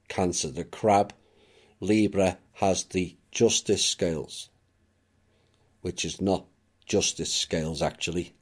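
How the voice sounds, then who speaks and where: A man giving a reflective spoken monologue as a channel narrator, measured and unhurried, with occasional dry asides. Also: sits low, darkish tone.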